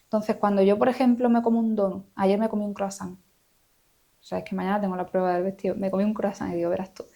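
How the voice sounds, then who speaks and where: A woman's voice: mid-range voice, flat delivery, fast talker, vocal fry, warm tone. A woman psychologist, explaining her ideas in a reflective, conversational interview, often checking in with "¿no?". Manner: reflective, explanatory, many filler "eh" and "¿no?". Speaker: psychologist guest.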